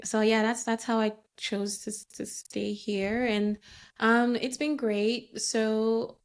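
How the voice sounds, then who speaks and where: A woman's voice: a little high, little pitch movement, slow pace. Woman, podcast guest, casual interview, thoughtful, many ums. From Nigeria.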